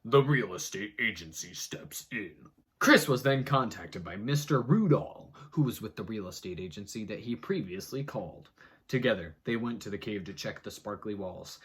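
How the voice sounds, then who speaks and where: A husky-voiced man at normal speed performs a mock-dramatic, theatrical reading of an article. His expressive delivery shifts from booming lines to muttered, sarcastic remarks tossed in between.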